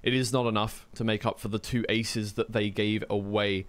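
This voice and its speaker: With a flat delivery at normal speed, a man with a lowish voice commentates a racing game live. He's an esports commentator and streamer who sounds informal and slightly flustered, thinking aloud between calls and chatting casually with the stream. Game car engines run behind him, with clear noise.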